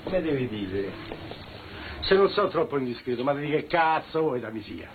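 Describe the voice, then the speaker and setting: Bullying Roman dad type, played by a man, loud brag, thin tinny film-clip sound. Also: medium pitch, very animated, normal speed, a little hiss or hum, natural voice. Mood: menacing boast. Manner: boastful, menacing, shouting at times. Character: blustering Roman father, proud, threatening tough guy. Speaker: actor in a film scene.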